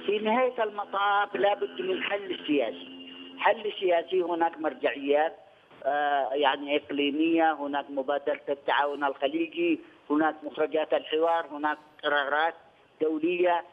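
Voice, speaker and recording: An older man from Yemen, a studio guest on a news interview, talking in a measured way and repeating phrases, heard over a phone line. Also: fairly high pitch, steady tone. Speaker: studio guest, former press union head.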